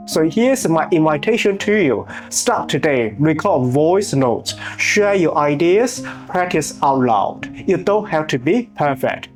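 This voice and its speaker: A man in his thirties from China hosts his own channel, delivering earnest, measured, scripted motivational narration. His voice is on the high side, he has a Chinese accent, and he makes small grammar slips.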